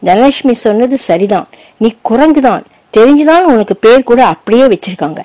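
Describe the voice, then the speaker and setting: A woman's voice: on the high side, expressive, moderate pace, warm tone, no echo, lightly acted. Earnest, hesitant teenage schoolboy, read by a woman. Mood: indignant.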